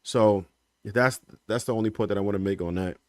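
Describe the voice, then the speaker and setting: A man giving his opinion on a livestream panel, measured, checking in with "right?" as he goes. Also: fairly low pitch, darkish tone, dry recording, clean studio sound. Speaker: panel guest.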